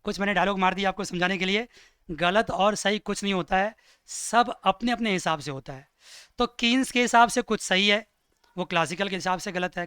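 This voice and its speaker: A man teaching an economics class in a lively lecture style, asking his students questions and dictating notes slowly. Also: sits high, smooth, no room sound, clean studio sound.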